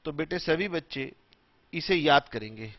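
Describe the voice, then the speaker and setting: A man teaching tax law in a classroom lecture, mixing Hindi and English in a slow, emphatic way. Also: fairly high pitch, animated, no room sound, muffled recording.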